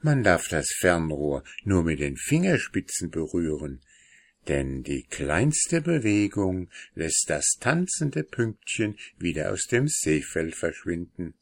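A man reading a children's story aloud in a lively, expressive way. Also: low voice, slow pace.

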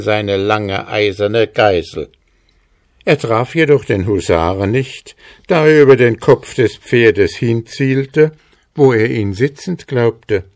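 A man reading a fairy tale aloud in a measured, calm, deliberate storytelling voice. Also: on the low side. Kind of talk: scripted fairy-tale narration.

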